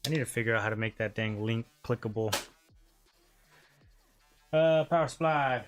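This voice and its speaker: A man's voice: mid-range voice, moderate pace, soft background music. A man hosting a console repair stream, chatting casually and muttering to himself while he works, with casual swearing. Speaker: repair channel host.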